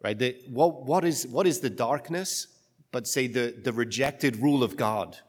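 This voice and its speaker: A man's voice: mid-range voice, husky. A man speaking as a priest in church, reading scripture and preaching, with a cathedral echo around his voice. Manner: halting, searching for words in the homily. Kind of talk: liturgical gospel reading and sermon. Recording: long cathedral-like echo in a large space.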